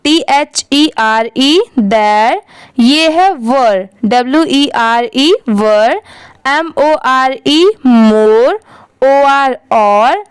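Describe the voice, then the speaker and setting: Spelling words letter by letter and then blending them, a woman leads a slow English reading lesson while questioning the viewer rhetorically. Her voice is high and clean, with no room sound.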